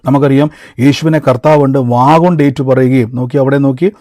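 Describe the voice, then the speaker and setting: A man's voice: medium pitch, fairly even intonation, fairly quick, warm tone, dry recording, studio quality. A man preaching a conversational sermon, telling a personal testimony and calling his listeners brother and beloved. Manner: storytelling, addresses listeners as brother and beloved, mixes in English words.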